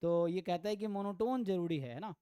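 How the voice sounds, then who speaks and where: Male math tutor, clear tone, dry close recording, thinks out loud and reads theorems slowly. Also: sits high, no room sound. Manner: thinks aloud, mixes Hindi with English terms. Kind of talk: online exam-prep lecture.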